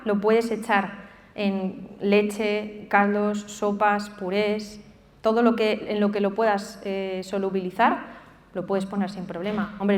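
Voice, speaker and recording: A woman answering questions as a nutrition specialist, explaining informally and often checking that she is understood. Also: medium pitch. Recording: echoey hall with long reverb.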